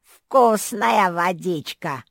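A woman voicing a gloating male dragon with a hoarse voice in a storybook reading. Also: on the low side, expressive, extremely slow, dry recording, studio quality, full character voice.

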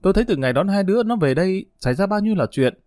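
A scornful, sharp-tongued aunt grumbling about her family, as a man puts her on. The voice climbs high and swings widely, warm in tone. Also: lively intonation, rapid-fire, no echo, clean studio sound, soft background music. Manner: scornful, complaining.

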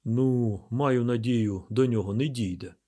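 A man reading an audiobook plays a calm, calculating male mayor laying out a plan in a measured, deliberate way. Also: medium pitch, lightly acted.

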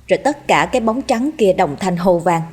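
A woman storyteller reading a scripted horror story in a steady, dramatic way. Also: lowish voice, normal speed, slightly rough. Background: faint music.

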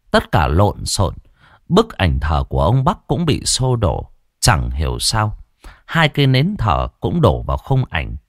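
Low, dramatic male horror storyteller. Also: dry recording, studio quality. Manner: dramatic, heavily inflected delivery. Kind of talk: scripted horror narration.

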